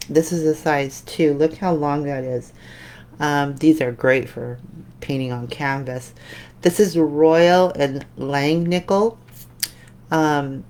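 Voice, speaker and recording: A woman hosting a live painting tutorial, chatting with viewers and trailing off into quiet mutters as she concentrates. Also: sits low, clean tone. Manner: chatty, answers viewer comments while painting; drifts into soft mutters when concentrating. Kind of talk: live painting demo, casual chat.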